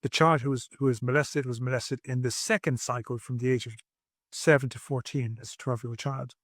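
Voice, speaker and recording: An earnest man in his sixties tells his personal story as a podcast guest, speaking from his home over a video call. He talks reflectively, often restarting his sentences. His voice sits at an ordinary pitch, and the recording is dry. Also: steady tone, fairly quick, fairly bright tone, dry recording. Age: 60s.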